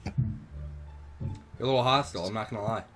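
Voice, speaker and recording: A man's voice: on the low side, quick pace, music in the background, low-quality recording. A young man hosting a casual online video chat with friends, joking and laughing often. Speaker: video host chatting with strangers.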